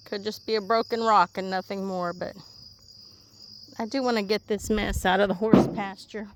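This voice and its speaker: A woman's voice: mid-range voice, fairly even intonation, normal speed, long pauses, slight background noise. A woman hosting a casual vlog outdoors in a horse pasture, chatting and rambling while she digs, a little out of breath. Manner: chatty, rambling, easily amused. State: slightly out of breath from digging. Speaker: vlog host.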